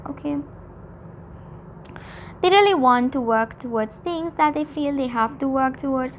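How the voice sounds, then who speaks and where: A woman's voice: on the high side, a little hiss or hum. A woman giving an informal, mystical horoscope-style tarot reading, speaking directly to listeners in repetitive, hesitant phrases. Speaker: tarot reader.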